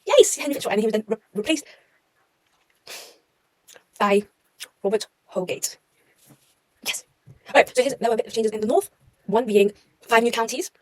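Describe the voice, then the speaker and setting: A woman's voice: fairly high pitch, normal speed, pauses often, low-quality recording. A young woman talking through her history revision notes in a casual, chatty way, often correcting herself and making wry asides. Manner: chatty, self-mocking, trails off and corrects herself.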